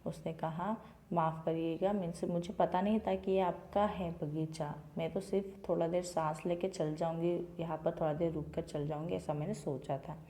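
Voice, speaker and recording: A woman teacher reads a story to schoolchildren and then explains each line in plain words. Her voice sits fairly low and sounds mellow and relaxed. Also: moderate pace. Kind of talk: reading a Hindi textbook lesson aloud and explaining it to children.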